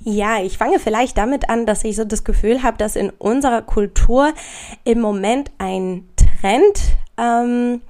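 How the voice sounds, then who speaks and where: A woman talks casually to her podcast listeners in a slightly high voice with a lot of gravelly creak. She sounds thick with a cold, nasal and sniffly, with a raw rasp. Her delivery is effusive and emphatic. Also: unhurried, darkish tone. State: congested, stuffy nose from a heavy cold. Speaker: podcast host. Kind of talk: casual solo podcast talk addressed to the listener.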